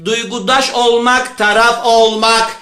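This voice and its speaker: A male teacher giving an animated storytelling lesson, repeating key words for emphasis. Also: extremely high pitch, a little slow, echoey room. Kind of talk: lively storytelling lecture.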